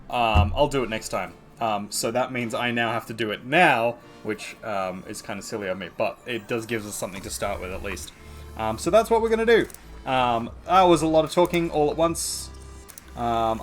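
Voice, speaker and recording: An Australian man talks casually to his stream viewers as he works on his art. His speech rambles along, filled with ums and self-corrections, in an ordinary mid-range voice. Soft music plays faintly in the background. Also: mid-range voice. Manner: rambling, full of ums and restarts. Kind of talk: casual live-stream chat.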